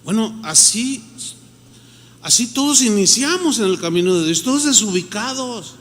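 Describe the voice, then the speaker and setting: A man's voice: sits high, animated, moderate pace, a bit bright, big-room sound. A Mexican man, a pastor, preaching a sermon in a conversational way and acting out the people he quotes.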